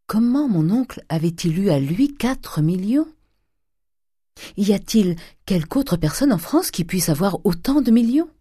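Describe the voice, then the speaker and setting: Naive young daughter, earnest and wondering, voiced by a woman narrator; higher, soft. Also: animated, unhurried, breathy edge, dry recording. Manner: wondering, pleading questions. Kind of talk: audiobook character reading.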